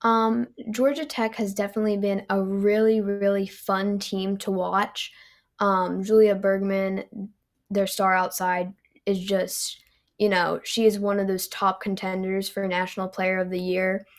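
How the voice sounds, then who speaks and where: A young woman talks sports in an easygoing podcast chat. Her voice sits in a flat, narrow pitch band with a gravelly fry underneath. She keeps it loose, dropping plenty of ums and you knows. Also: a little slow. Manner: relaxed, frequent "um" and "you know". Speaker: guest volleyball analyst.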